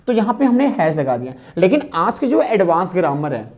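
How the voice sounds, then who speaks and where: Soft-toned woman teaching grammar. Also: lowish voice, big pitch swings. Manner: repeats phrases slowly and asks rhetorical questions. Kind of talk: classroom grammar lesson.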